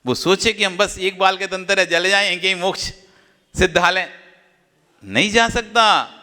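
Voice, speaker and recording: A man giving a Jain sermon, repeating phrases and swinging from loud exhortation to hushed low asides. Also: normal speed. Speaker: Jain monk preacher. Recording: long reverb of a hall.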